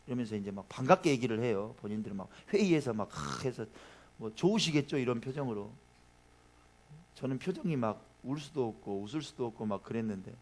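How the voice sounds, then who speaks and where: A man's voice: mid-range voice, brisk. Male pastor, Sunday sermon in a church, informal and chatty, speaks straight to the congregation. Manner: chatty, addresses the congregation directly with questions; tells personal anecdotes in a lively, informal way. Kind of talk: conversational sermon. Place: church sanctuary.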